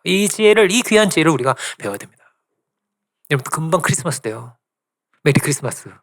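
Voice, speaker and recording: Animated Korean-speaking pastor preaching. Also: male voice, on the high side. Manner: animated storytelling with asides to the congregation; soft, drawn-out prayer. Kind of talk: sermon.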